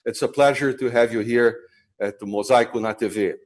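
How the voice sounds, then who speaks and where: An older man hosting a TV interview over a video call, asking friendly, measured questions with some fillers. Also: mid-range voice. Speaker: TV host.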